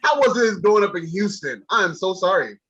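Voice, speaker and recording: This talk show host, an American man in his thirties, chats informally with a guest on a video call, full of enthusiasm. He speaks a little fast in a high, expressive, fairly bright voice from a small room indoors. The call audio is slightly dull.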